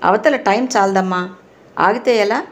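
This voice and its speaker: A woman's voice: medium pitch, normal speed, close to an everyday voice. Woman reading as a weary, hard-pressed mother. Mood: apologetic.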